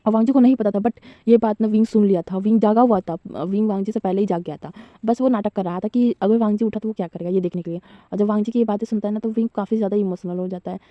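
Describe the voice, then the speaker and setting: A woman's voice: medium pitch, fairly even intonation, quick pace, few pauses, no room sound. A woman casually retelling a fan fiction story in a chatty, giggly way with loose fillers. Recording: slightly dull lo-fi recording.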